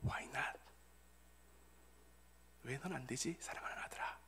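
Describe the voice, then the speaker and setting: A man voicing God in a low, gentle, half-whispered tone during a sermon. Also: wildly swooping pitch, slow pace, a little hiss or hum, exaggerated voice. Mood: tender hush. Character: gentle, tender voice of God, hushed.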